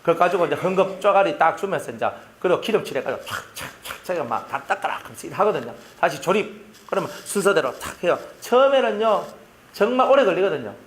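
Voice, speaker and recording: A male pastor with a Gyeongsang Korean accent preaching a sermon, telling stories in an animated way and using lots of sound effects. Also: sits high, quick pace, a little hiss or hum.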